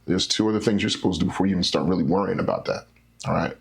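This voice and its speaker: A man who works as a credit specialist, a guest in an interview, explaining things simply with stories and animated little scenarios. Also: deep voice, racing, creaky, a little hiss or hum. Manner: animated, teacherly, acts out scenarios.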